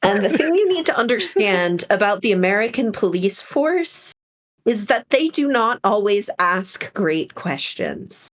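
A woman chatting as a tabletop player, her pitch swinging widely in an animated way. She drops dry, wry remarks. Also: a little slow. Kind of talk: casual tabletop play chat.

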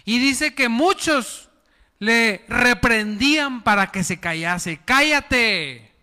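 High-voiced preacher in a reverberant hall. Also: male voice, lively intonation, takes it slowly, sharp tone. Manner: preaching with call-and-response, questioning the congregation. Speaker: pastor. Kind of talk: sermon.

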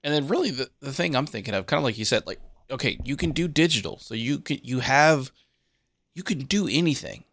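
A man's voice: mid-range voice, animated, fairly quick, a bit bright, no room sound, studio quality. A man co-hosting a casual podcast, musing and thinking aloud. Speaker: podcast co-host. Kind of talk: casual chat.

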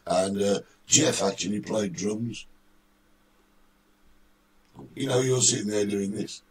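A man hosting a casual chat show, hoarse and croaky, greeting viewers by name in a lively, bantering way. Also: lowish voice, moderate pace, recorded from a distance. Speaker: talk show host.

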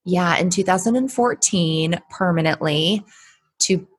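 A woman's voice: on the low side, unhurried, slightly rough. A woman from Connecticut, a guest on a casual podcast, confident and matter-of-fact with dry humor.

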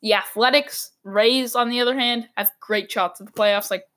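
Hosting her own sports talk show, a woman airs her frustrated takes at a moderate pace and in a steady tone. The voice is a bit bright and pitched a little high, and it's going hoarse from long talking.

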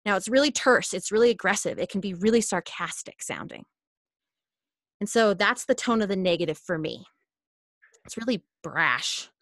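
A woman speaks as a podcast guest in an earnest, casual way. Her voice sits in an ordinary middle pitch. The sound is dry and close, with no room in it. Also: animated, moderate pace, fairly bright tone, dry recording. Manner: earnest, self-help tone.

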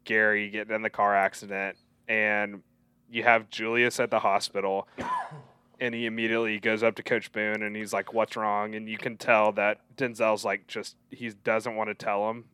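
A young man on a podcast mic, speaking in a bright, clear, fairly low voice. He talks through film scenes one by one, quoting lines with real feeling. The sound is close and dry. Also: level tone, normal speed, dry recording. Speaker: podcast co-host. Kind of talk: casual podcast chat.

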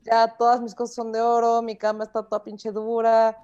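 A woman's voice: on the high side, completely flat delivery, normal speed, a little mellow, dull audio, close to an everyday voice. A woman voicing a greedy king who whines and pleads in crude slang. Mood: pleading. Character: greedy king, panicked and regretful man.

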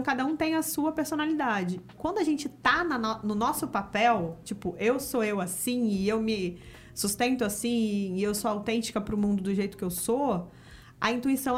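A woman from Rio de Janeiro with a Carioca accent, talking reflectively as a podcast guest in a casual interview. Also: on the high side. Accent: Carioca Portuguese. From Rio de Janeiro, Brazil. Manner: reflective, talks about spirituality with many fillers.

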